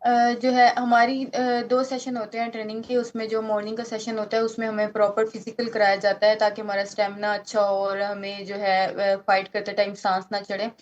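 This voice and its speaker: A 19-year-old woman boxer from Pakistan with a Pakistani Urdu accent, answering interview questions earnestly, often pausing and restarting. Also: mid-range voice, level tone, lo-fi sound. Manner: earnest, halting, many fillers and restarts.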